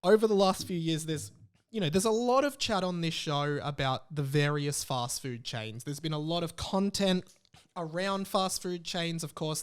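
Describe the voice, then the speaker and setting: Hosting a casual comedy podcast, a man with an Australian accent rambles loosely and jokes around. His voice is a little high, with a clear, resonant tone.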